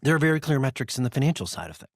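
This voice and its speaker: A man's voice: mid-range voice, sing-song, racing, vocal fry, no room sound, studio quality. A man hosting a podcast in casual talk, blunt and emphatic, with frequent swearing. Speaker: podcast host, business owner. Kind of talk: casual conversation.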